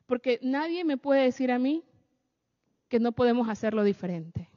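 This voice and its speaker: Woman preaching to a crowd, high voice, keeps asking "right?", echoey hall, kinda muffled. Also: lively intonation, normal speed, warm tone. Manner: keeps checking in with the audience with rhetorical questions. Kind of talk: sermon-style talk to an audience. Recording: echoey hall, dull lo-fi sound.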